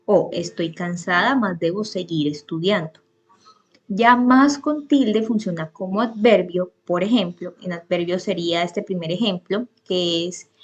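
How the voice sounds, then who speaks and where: A woman teaching a spoken grammar lesson, patiently explaining rules with many examples and occasional restarts. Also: mid-range voice.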